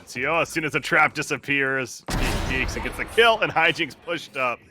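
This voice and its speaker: A man's voice: mid-range voice, normal speed, music in the background. A man working as an esports caster, giving live play-by-play commentary on a game. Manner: excitable during action, relaxed between rounds.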